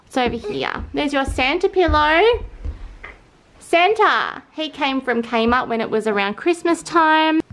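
A woman's voice: sits high, expressive, a little slow, fairly bright tone. A young Australian woman and mother giving a casual home tour for her family vlog, chatty and friendly with frequent ums and asides, in a child's bedroom.

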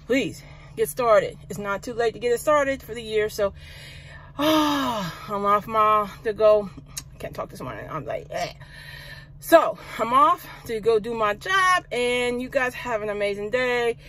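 A woman's voice: on the high side, lively intonation, measured pace, fairly bright tone. Middle-aged woman, out of breath, upbeat motivational vlog, phone held at arm's length, wind and traffic noise behind. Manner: upbeat, motivational, talks while walking. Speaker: fitness vlogger. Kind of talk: casual walking vlog. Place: outdoors on a cold windy street, later in a car. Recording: noisy outdoor phone recording.

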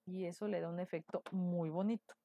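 A woman's voice: lowish voice, fairly even intonation, fairly quick, mellow. A woman with a Mexican accent, a decorative painting teacher, chatting through a live painting tutorial and checking in with her viewers often. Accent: Mexican Spanish.

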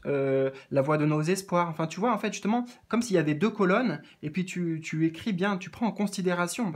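Man, slightly high voice, oracle card reader, gentle, halting, repeats words, speaks directly to the listener. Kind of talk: spiritual guidance reading.

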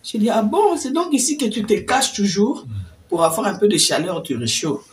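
An older woman telling a personal faith story in an animated way, dropping to whispers and laughing as she talks. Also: medium pitch, moderate pace, distant mic, a little hiss or hum. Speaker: testimony speaker.

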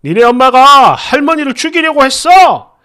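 A woman voicing an angry shouting husband. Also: high voice, very animated, normal speed. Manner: shouting, bullying, insulting. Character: furious swearing husband, middle-aged man.

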